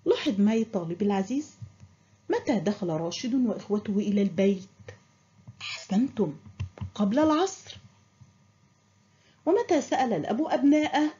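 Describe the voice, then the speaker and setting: Lively high-voiced woman teaching children. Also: moderate pace, long pauses, highs cut off. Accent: Qatari. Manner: addresses pupils warmly, praises imagined answers. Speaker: primary school Arabic teacher. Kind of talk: recorded classroom lesson.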